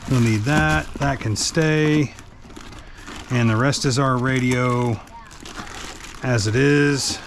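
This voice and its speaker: A truck driver and vlogger talks through a hands-on task as he does it, in a casual how-to style. His mid-range voice is steady and slow, with frequent pauses, and there's background noise from the work.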